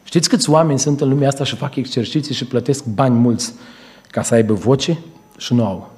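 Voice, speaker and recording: A man preaching, telling stories in a church and swinging between loud raised lines and low asides. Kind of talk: sermon with storytelling.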